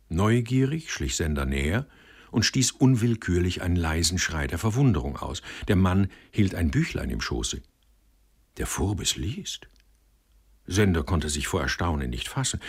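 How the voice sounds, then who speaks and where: A man narrating a storybook with deep, low pitch and lively, rising and falling intonation. His tone is husky. He tells the story expressively. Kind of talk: audiobook narration.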